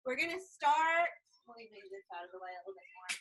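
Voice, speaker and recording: A woman's voice: medium pitch, very animated, fast, a bit bright, slight background noise. A woman leading an aerobics class as the instructor, counting and cueing moves in an upbeat, encouraging way. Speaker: group fitness instructor.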